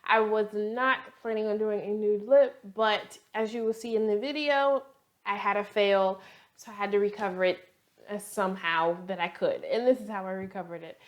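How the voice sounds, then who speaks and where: A woman beauty vlogger with a cold-roughened, hoarse voice, chatting and rambling playfully through a makeup tutorial. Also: medium pitch, fairly even intonation, normal speed. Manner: talkative, rambling, playful asides.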